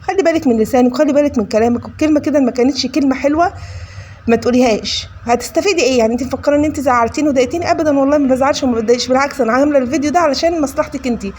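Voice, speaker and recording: Egyptian woman cooking vlogger, rapid-fire, slightly high voice, scolding tone, faint noise behind. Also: darkish tone. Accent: Egyptian Arabic. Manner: scolding, preachy; addresses viewers as "kids". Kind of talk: casual chat while cooking.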